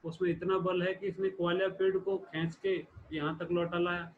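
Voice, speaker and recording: A man giving a sermon, retelling a scripture story in a steady explanatory way with frequent restarts. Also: high-pitched, normal speed. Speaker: preacher. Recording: phone-like lo-fi recording with faint hiss.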